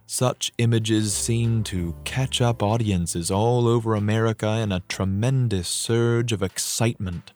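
Reading narrative history from a book, a man with a fairly low, slightly mellow voice performs like an actor, dramatic and expressive. His measured storytelling has an audiobook feel, with faint music in the background.

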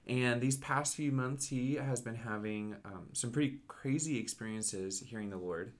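A man hosting a casual interview, relaxed and with frequent fillers. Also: mid-range voice, normal speed. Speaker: podcast host.

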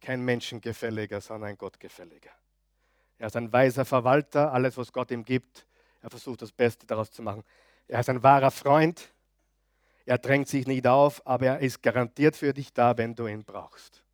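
Male pastor, mid-pitched and emphatic, loud-then-soft preaching, dry close sound. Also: steady tone, moderate pace, no room sound. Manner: emphatic, swings between loud declarations and quiet asides; asks the audience frequent questions. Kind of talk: sermon.

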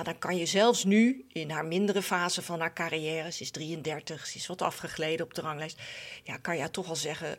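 Brief: outspoken woman analyst on the lower side of the range, a former pro breaking down a match with hesitant fillers. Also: slightly rough. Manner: frank and opinionated, with frequent "eh" fillers. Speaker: tennis analyst, former professional player. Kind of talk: studio sports analysis.

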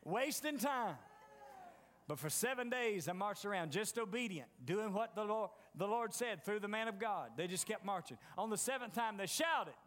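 High-voiced preacher, folksy. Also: male voice, animated, normal speed, fairly bright tone, in a large hall, a little hiss or hum. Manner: folksy storytelling, acts out doubters' voices. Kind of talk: sermon.

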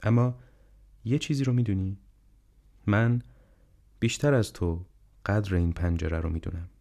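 A man voicing a gentle, wise, ailing old male professor in an audiobook, speaking calmly and reflectively. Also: lowish voice, creaky. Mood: earnest. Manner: calm, reflective, unhurried counsel. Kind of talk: audiobook character reading.

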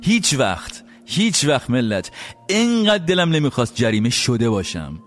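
A man hosting a show, telling a funny personal story in a lively monologue and acting out the dialogue. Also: medium pitch, soft background music. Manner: animated, acts out quoted dialogue. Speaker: show host.

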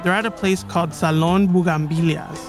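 A man's voice: a little high, fairly even intonation, normal speed. A man hosting a podcast, telling a true story in scripted documentary narration. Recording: music bed behind the voice.

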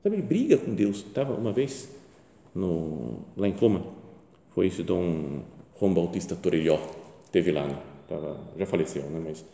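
Brazilian guy preaching casual, lively up-and-down voice, mellow tone, lots of echo. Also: sits low, normal speed, vocal fry. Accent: Brazilian Portuguese. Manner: colloquial, acts out quoted prayers with lively voices. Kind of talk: conversational sermon meditation. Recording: echoey hall with long reverb.

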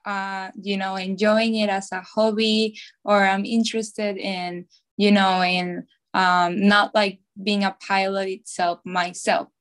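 A young woman from Venezuela, chatting in an interview with a lively, filler-heavy manner. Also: mid-range voice, slow. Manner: chatty, lively, lots of "like" and "you know". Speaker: podcast co-host, guest. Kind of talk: casual interview.

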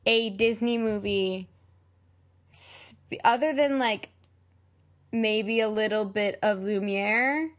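A woman's voice: medium pitch, slow pace, long pauses. A woman co-hosting a podcast in casual chat, rambling with lots of fillers and laughs. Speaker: podcast co-host.

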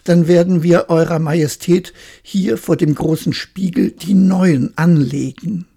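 A woman voicing two sly male swindlers who pose as weavers, speaking in a bright, fawning, showy way in a bedtime storybook reading. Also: fairly low pitch, fairly even intonation, a little slow, husky.

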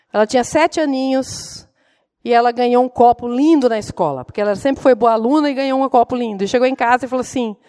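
A middle-aged woman delivers an earnest sermon. She tells family stories with open emotion in a fairly high voice. Her tone stays heartfelt and direct. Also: mellow. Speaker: preacher and mother.

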